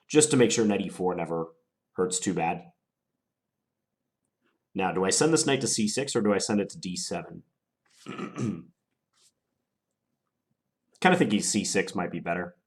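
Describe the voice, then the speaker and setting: Stuffed up from a cold, a man with a very deep voice talks through his chess moves as he plays. His analysis is slow, deliberate and musing as he considers each option aloud, and he sounds expressive.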